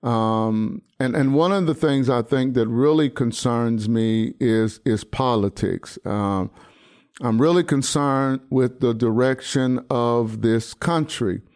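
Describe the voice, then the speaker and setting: A man in his sixties, a pastor hosting a podcast, speaking earnestly in a halting way with many fillers and restarts. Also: medium pitch, a little mellow, clean tone. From United States. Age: 60s. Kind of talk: personal commentary monologue.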